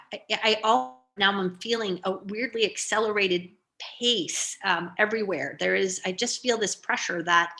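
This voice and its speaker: A woman's voice: medium pitch, bright, forceful tone. A middle-aged woman giving an artist talk over a video call, rambling and hesitant with many fillers. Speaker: guest artist.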